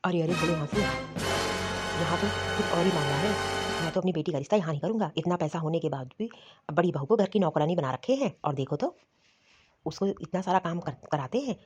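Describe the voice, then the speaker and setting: A woman's voice: lowish voice, lively intonation, fairly quick, soft background music, close to an everyday voice. A woman voicing a blunt middle-aged male guest in a cartoon, the suspicious father of a bride.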